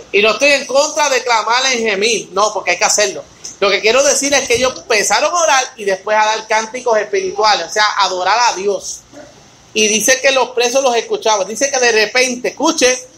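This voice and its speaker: A man's voice: extremely high pitch, bright, forceful tone, rough recording. A man leading a Bible study. He reads scripture aloud, then explains it with rhetorical questions and talks to his listeners by name. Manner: addresses listeners by name in a conversational way.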